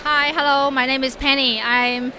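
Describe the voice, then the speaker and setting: High-voiced woman, halting. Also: flat delivery, bright, forceful tone. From Taiwan. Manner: halting, searching for words. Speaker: interview guest. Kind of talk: casual chat. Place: busy exhibition hall. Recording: crowd noise of a busy expo hall.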